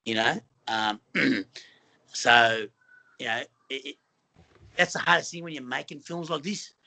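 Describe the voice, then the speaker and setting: This guest, a middle-aged Australian film actor from Western Sydney, chats loosely in an interview, earnest but rambling, full of fillers and false starts. His mid-range voice is creaky, pushed, and bright, and he speaks a little slowly.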